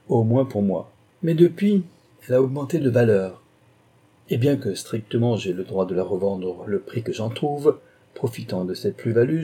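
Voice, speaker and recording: A man's voice: mid-range voice, dark tone, breathy edge, close to an everyday voice. A man voicing a scheming, sly wife in an audiobook, reading her letter in a wheedling, mocking tone.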